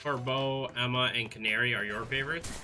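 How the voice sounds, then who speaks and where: A man in a casual gaming chat, laid-back and a little hesitant, with drawn-out fillers. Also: medium pitch, steady tone, pushed and bright. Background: faint background music.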